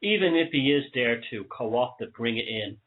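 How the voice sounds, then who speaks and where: A man's voice: medium pitch, lively intonation, moderate pace. A man with an Irish accent giving an opinionated talk-show monologue in a conversational way, wheezy and short of breath from asthma. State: asthma flare-up. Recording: thin phone-like sound.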